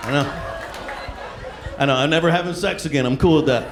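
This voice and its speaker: High-voiced middle-aged male stand-up comedian. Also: a little fast, crowd noise. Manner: profane, conversational storytelling; acts out dialogue and reactions. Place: live venue in front of an audience. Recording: noisy live comedy club recording.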